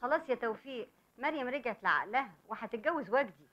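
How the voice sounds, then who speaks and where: A woman's voice: fairly high pitch, lively intonation, fast talker, natural voice. An actress playing a self-satisfied Egyptian mother. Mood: pleased. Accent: Egyptian Arabic. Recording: muffled film soundtrack with faint noise.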